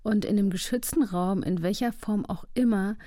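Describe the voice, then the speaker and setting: A woman's voice: medium pitch, normal speed, warm tone, dry recording, studio quality. A woman podcast host and coach talking in an empathetic, encouraging way. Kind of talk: podcast conversation with recorded coaching session.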